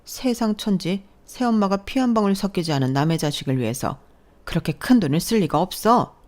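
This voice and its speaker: A woman's voice: mid-range voice, expressive, a little fast, a little mellow, pitched above the performer's own voice, natural voice. A woman voicing a domineering, scornful mother-in-law who scolds and belittles in a story reading. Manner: contemptuous, scolding.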